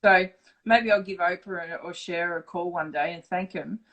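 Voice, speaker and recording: A middle-aged Australian woman telling her story in a casual interview, frank and swearing freely, lively when she acts out dialogue. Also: fairly low pitch, moderate pace, dull audio. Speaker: interview guest.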